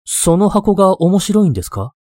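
Man as a puzzled junior, raised pitch. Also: big pitch swings, normal speed, a little mellow, no room sound, studio quality. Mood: puzzled, exasperated. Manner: questioning, incredulous. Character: younger male student, puzzled, exasperated junior of the mentor. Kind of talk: ghost story reading.

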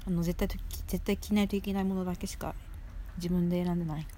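Chewing through her words, a solo show host rambles casually while eating, her mouth often full and her phrases often repeated. She speaks quickly in a lowish voice with fairly even intonation. There's noise in the background.

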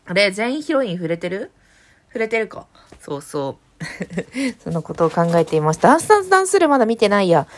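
A woman's voice: mid-range voice, very animated, brisk. A woman hosting a casual solo podcast, rambling about TV dramas with many fillers, thinking aloud. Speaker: podcast host.

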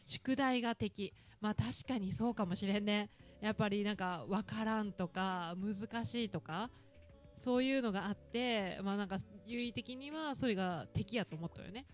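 A woman's voice: mid-range voice, normal speed, faint music behind. A woman with an Ehime accent hosting a casual talk show, chatty and teasing and laughing often. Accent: Ehime Japanese. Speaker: podcast host talking with her daughter. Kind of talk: casual talk radio chat.

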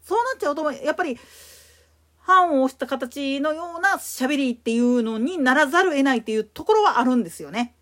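A woman with a Kansai accent giving a solo explanatory talk as a podcast host, emphatic in her delivery. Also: fairly quick. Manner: explanatory, emphatic, lively pitch swings.

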